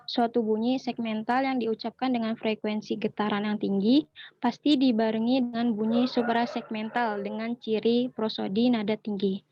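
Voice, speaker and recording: Woman, lesson explanation, frequent fillers, fairly high voice, dry muffled recording. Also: fairly even intonation, normal speed, dry recording. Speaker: student presenter.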